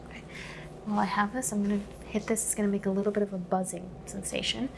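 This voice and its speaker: Soft-spoken woman giving ASMR exam, creaky voice. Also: mid-range voice, fast, background noise. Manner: calm, gently instructing, explaining each step. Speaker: medical examiner giving a physical exam.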